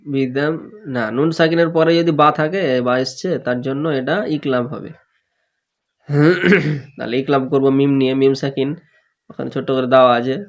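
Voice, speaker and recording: A man teaching Quran recitation rules step by step, slowly drawing out sample words and often clearing his throat. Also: mid-range voice. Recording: dull lo-fi recording.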